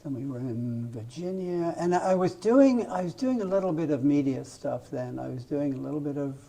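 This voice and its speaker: A man's voice: on the high side, expressive, moderate pace, creaky, mellow. An older Welsh-born man with an English accent, a guest author in a casual interview, rambling and self-deprecating. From Wales.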